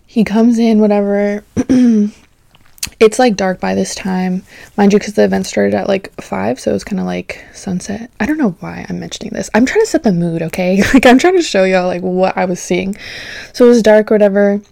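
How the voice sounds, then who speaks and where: A woman's voice: mid-range voice, normal speed, creaky, warm tone, no room sound. Young woman podcaster, casual storytelling, chatty, says "like" a lot, dry close sound. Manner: chatty, heavy use of "like", swears freely, laughs often. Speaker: podcast host.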